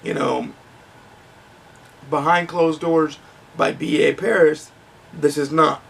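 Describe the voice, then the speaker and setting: A man's voice: fairly high pitch, flat delivery, slow pace, gravelly, fairly bright tone, slightly rough, far from the mic. A man giving a frank, conversational book review with ums and restarts, his voice starting to crack.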